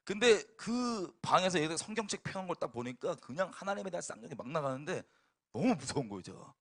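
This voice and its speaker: A man preaching, telling a personal testimony in a sermon with lively, emphatic storytelling and bursts of laughter. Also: on the high side, fast.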